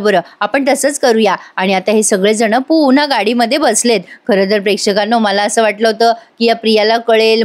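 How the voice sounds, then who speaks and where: A woman giving a chatty voice-over recap of a TV serial episode, talking straight to her viewers and acting out the characters' lines. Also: fairly high pitch. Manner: addresses viewers directly, acts out the characters' lines. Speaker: TV serial reviewer.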